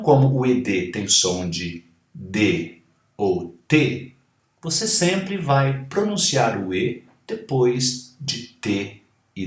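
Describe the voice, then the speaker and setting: Slow-spoken man teaching English, echoey room. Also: fairly low pitch. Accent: Brazilian Portuguese. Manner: repeats and spells out English words, explains in Portuguese. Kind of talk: pronunciation lesson, modelling words slowly.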